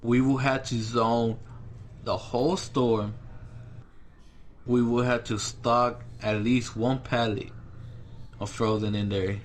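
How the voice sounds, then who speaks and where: A young man co-hosting a casual podcast, telling work stories in an animated, exaggerating way. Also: medium pitch, slow pace, pauses often, slight background noise. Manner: animated storyteller, exaggerates for laughs. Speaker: podcast co-host. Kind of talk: casual chat.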